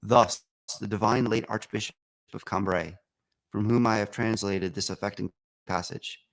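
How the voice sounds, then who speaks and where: A man's voice: fairly low pitch, fairly even intonation, moderate pace, vocal fry, rough recording. A man reading an old essay aloud in a formal, declamatory manner. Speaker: reader.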